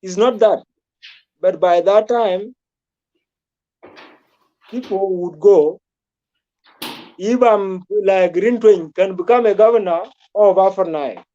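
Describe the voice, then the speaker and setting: A man's voice: high voice, takes it slowly, long pauses, warm tone. Rambling man from South Sudan, dull sound. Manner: rambling, repetitive, with frequent restarts. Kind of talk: casual political talk.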